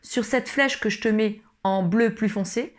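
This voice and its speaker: In a mid-range, unhurried voice, a woman gives a ukulele tutorial while strumming plays behind her. She takes the learner through each step with patience and chats informally.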